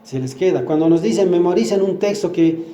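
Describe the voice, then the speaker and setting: A man's voice: high voice, a little fast, dark tone, echoey room, a little hiss or hum. An older man gives a sermon at church, teaching with everyday examples and asking the congregation questions. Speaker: church speaker.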